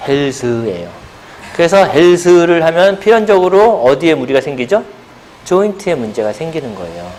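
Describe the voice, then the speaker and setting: A man's voice: fairly high pitch, big pitch swings, normal speed, darkish tone, a little hiss or hum. Man lecturing with rhetorical questions. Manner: rhetorical questions, answering himself; playful buzzer sound effects. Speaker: pilates instructor. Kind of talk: seminar lecture with audience questions. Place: seminar room.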